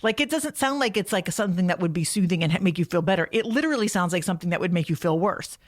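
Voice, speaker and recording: A woman's voice: lowish voice, lively intonation, fast. A woman co-hosting a casual comedy podcast, chatting and ranting in an emphatic, incredulous, sweary way. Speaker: podcast co-host. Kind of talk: casual comic rant and chat.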